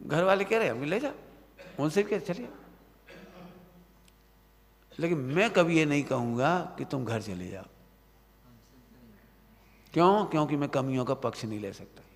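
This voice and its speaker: Pausing often, a Jain preacher with a fairly high, animated voice delivers a severe Hindi sermon to students at normal speed, chiding them and checking whether they've grasped it. The night-time setting is a Jain study centre hall with long reverb.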